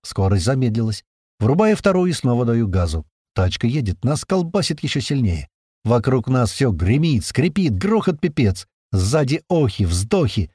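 A man reading a first-person action story aloud, telling it in a tense, lively way with plenty of swearing. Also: medium pitch, breathy edge, no echo, studio quality. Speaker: narrator. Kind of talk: first-person audiobook narration.

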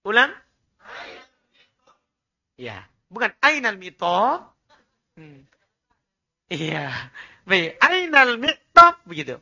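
A man with an Indonesian accent teaching an Arabic class, slowly modelling phrases, correcting pronunciation and calling for repetition. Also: high voice, sing-song, pushed and bright, highs cut off. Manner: corrects pronunciation and repeats drills; slow and deliberate when modelling phrases. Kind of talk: classroom language drill.

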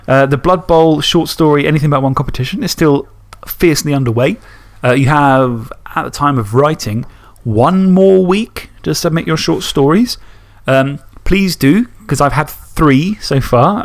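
A man co-hosting a podcast in casual, rambling, self-mocking chat. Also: on the high side. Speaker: podcast co-host.

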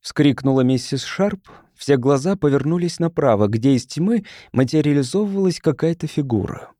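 Guy reading an audiobook, lively dramatic voice, dry close mic. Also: fairly high pitch, normal speed, dry recording. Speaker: audiobook narrator. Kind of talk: expressive audiobook narration.

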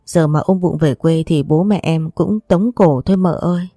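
A woman's voice: sits low, moderate pace, warm tone, dry recording, clean studio sound, faint music behind. A woman voicing a frightened young servant girl who stammers and pleads.

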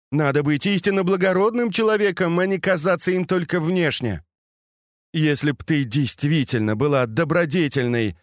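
A man reading an audiobook and voicing a proud, sharp-tongued noblewoman of a grand household who scolds with biting, mocking questions. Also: a little high, no echo, clean studio sound, voice pushed up.

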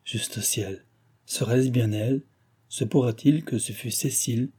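A man's voice: mid-range voice, measured pace, mellow, husky. A man reading the part of a tearful, compassionate old man who laments in solemn exclamations, in an audiobook. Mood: lamenting. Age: older.

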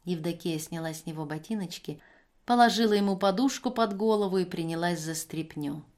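A woman reading a novel aloud as narrator, in measured, steady storytelling. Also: lowish voice.

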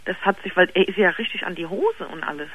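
A young woman in her twenties speaks on a telephone call to a late-night radio show. She talks haltingly, with frequent fillers and false starts. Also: on the low side, lively intonation, breathy edge. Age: 20s. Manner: hesitant, halting, with many fillers and restarts. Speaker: caller.

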